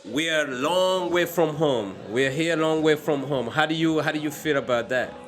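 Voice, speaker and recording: Male host, a bit high, casual and halting in his interview questions. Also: a crowd in the background. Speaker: podcast host. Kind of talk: podcast interview.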